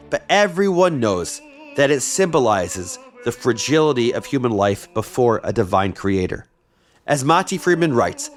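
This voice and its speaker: A man hosting a history podcast, narrating a script with wry, conversational asides. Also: a little high. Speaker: podcast host.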